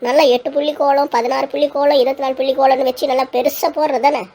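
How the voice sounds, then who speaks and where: A woman's voice: sits high, little pitch movement, quick pace, over a noisy crowd. A woman playing a feisty, quarrelsome old grandmother in a comic village skit, scolding and threatening. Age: older. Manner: scolding, threatening, then tearful.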